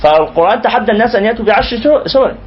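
Sitting high in pitch, this man's animated voice races along, and the highs are cut off. A religious teacher with an Egyptian accent, he lectures on a classical poem, explaining its terms word by word and restating them again and again.

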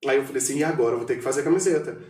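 A man's voice: mid-range voice, very fast, echoey room, recorded from a distance. A man, a radio announcer, telling stories in casual chat and acting out the dialogue he quotes. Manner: animated storyteller acting out quoted dialogue, shouting at punchlines. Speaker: radio announcer, podcast guest.

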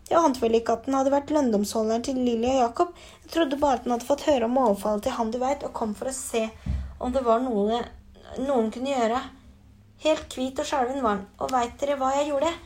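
A woman reading an audiobook, voicing a huge, hot-tempered male gamekeeper who talks loudly in rustic dialect. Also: high-pitched. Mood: furious. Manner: loud, rustic dialect words.

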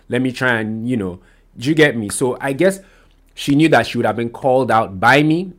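A man hosting a solo podcast, talking casually and rambling, often restarting and correcting himself with lots of fillers. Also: mid-range voice. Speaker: podcast host.

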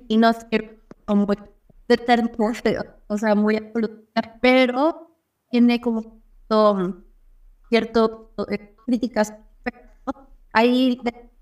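A woman's voice: on the high side, little pitch movement, a little mellow. Mexican woman breaking up on a dropping call. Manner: halting, full of restarts and fillers. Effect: voice cutting out on a dropping call connection. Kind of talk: remote panel discussion.

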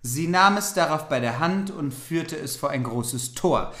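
A podcast co-host reads an old fairy tale aloud at a mid pitch and sometimes trips over old-fashioned words. The room has a roomy echo. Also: animated, a little slow, fairly bright tone. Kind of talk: fairytale reading with banter.

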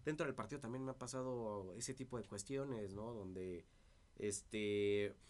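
A party politician appears as a guest in a casual interview, talking through past disputes. His voice is lowish, dry and a little mellow, and he speaks unhurriedly.

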